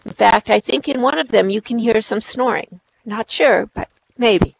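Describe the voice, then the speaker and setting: A woman's voice: on the high side, moderate pace, gravelly, slight background noise, low-quality recording. A woman presenting awards live at an online event as the host, effusive in her praise.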